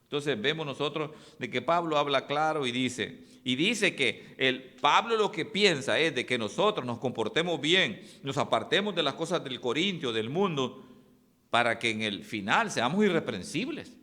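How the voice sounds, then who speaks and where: A male pastor preaching a sermon, animated, with sudden swings in his voice. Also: mid-range voice, normal speed. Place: church hall. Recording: echoey church hall.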